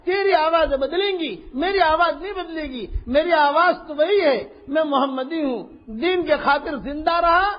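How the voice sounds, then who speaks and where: An older man giving an impassioned Urdu-language sermon, telling a story and acting out its speakers, sometimes shouting. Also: very high voice, few pauses. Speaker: Islamic preacher. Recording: dull lo-fi archival sermon recording.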